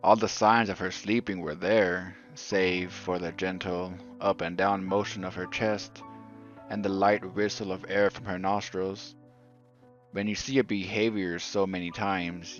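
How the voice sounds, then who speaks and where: Slow, deep-voiced male horror narrator. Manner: slow, subdued, even storytelling. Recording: dull lo-fi audio, faint music.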